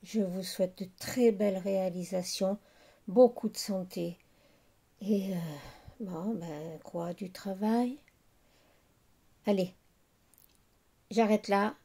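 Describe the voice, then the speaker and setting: Woman, middle-aged, crafting host, chatty, unhurried, relaxed mellow tone. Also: medium pitch, husky. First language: French. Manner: chatty, unhurried, lots of fillers. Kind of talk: casual crafting show-and-tell.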